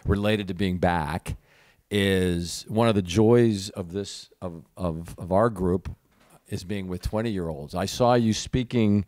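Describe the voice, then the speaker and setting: A man from Pittsburgh rises from the audience to ask a question. His voice is very deep and dry. He halts often and fills the gaps as he goes. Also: a little mellow, no room sound. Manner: halting, many fillers. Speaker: audience member asking a question. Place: event audience.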